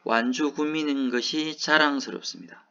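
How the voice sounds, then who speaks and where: Gravelly man with a Gyeongsang accent. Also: mid-range voice, moderate pace, bright, forceful tone, dull audio. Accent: Gyeongsang Korean. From Gyeongsang region, South Korea. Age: 40s. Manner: asks rhetorical questions and answers them himself. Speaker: lecturer. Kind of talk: lecture.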